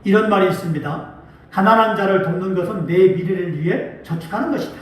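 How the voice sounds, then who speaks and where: A man pastor preaching a sermon, acting out quotes with lively feeling. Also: high-pitched, a little fast. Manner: preaching with animated acted-out quotes. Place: church sanctuary. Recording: echoey church hall, mic at a distance.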